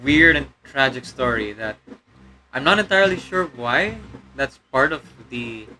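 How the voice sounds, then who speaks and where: A man's voice: medium pitch, lively intonation, a little slow, bright, forceful tone, rough recording. A man putting on a straining demon voice. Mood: playful. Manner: rambling, hesitant, many fillers. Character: put-on demon voice of a male game narrator. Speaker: let's play gamer. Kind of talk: casual game commentary.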